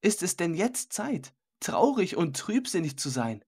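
Man putting on a mocking high-pitched host. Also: very animated, slow pace, breathy edge, heavily acted. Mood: scornful. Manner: scornful, brushing off warnings. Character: jovial scoffing male host, carefree and mocking. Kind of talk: audiobook character voice.

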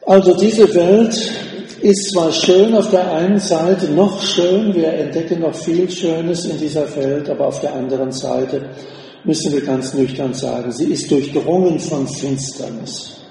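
A man preaching a sermon in a slow, measured way with deliberate pauses, recorded from a distance in an echoey church hall. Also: a little high, gravelly, warm tone, slight background noise.

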